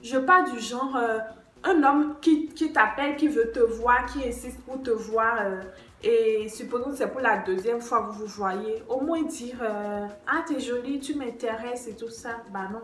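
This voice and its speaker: High-voiced young woman telling a story. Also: unhurried. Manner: animated storytelling, acting out dialogue and pleading prayers. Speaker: vlogger. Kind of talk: storytime vlog. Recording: echoey room.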